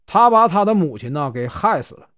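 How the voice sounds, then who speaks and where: A shrewd, eccentric old monk, played by a man in a spoken storybook, calm and knowing. The Northeastern-accented voice rises and falls lively in a dry, close recording. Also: on the high side, brisk, no room sound. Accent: Northeastern Mandarin.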